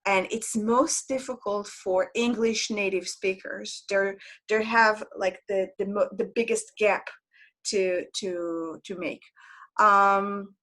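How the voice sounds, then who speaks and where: A chatty woman teaches Hebrew in a live online class, her voice medium-pitched and fairly bright. She repeats words and asks her students questions. The sound comes through a computer mic on a video call.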